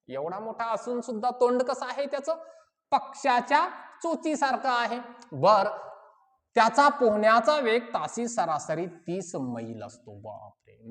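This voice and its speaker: A woman teacher explaining a reading passage to children, asking them questions and answering them herself. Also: mid-range voice. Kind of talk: exam-prep lesson for children. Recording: long hall reverb.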